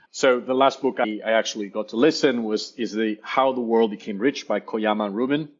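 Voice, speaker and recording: With dull audio, a man with a lowish voice speaks as a guest professor in a relaxed interview. Spanish is his native language and his accent is Argentinian, and his eager answers often repeat words while he hunts for the right ones.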